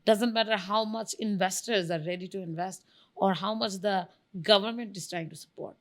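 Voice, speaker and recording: A Bangladeshi woman who founded a venture studio is interviewed as a guest, speaking at a moderate pace in a mid-range voice. Her answers are emphatic and enthusiastic, full of listed examples.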